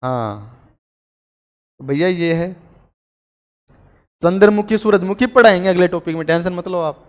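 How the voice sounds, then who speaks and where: A man's voice: sits high, animated, a little slow, a little mellow, in a large hall. A man teaching a grammar lesson to a class, chatty and joking with his students between explanations.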